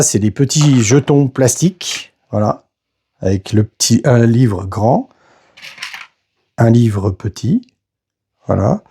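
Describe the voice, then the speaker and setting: A man talks through a board game unboxing at a slow, halting pace, marking each step with small interjections. His voice sits low, with a gravelly, fried edge. A faint hiss of noise stays behind him. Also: dark tone. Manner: slow, hesitant, narrates each step with "voilà" and "hop". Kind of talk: casual unboxing commentary.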